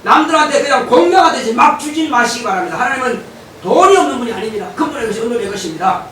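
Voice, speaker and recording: Animated preaching man in echoey church. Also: very high voice, racing. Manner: animated preaching, shouting to stress points. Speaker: pastor. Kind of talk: sermon. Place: church sanctuary. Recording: echoey church hall, mic at a distance, faint noise.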